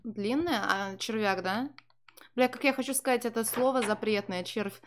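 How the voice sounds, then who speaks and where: Her voice sits fairly high and moves at a normal speed, with slight noise in the background. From a small home room, this young woman livestreams a game, chatting with viewers, swearing liberally and translating lines on the spot. The casual commentary comes across as sardonic and foul-mouthed.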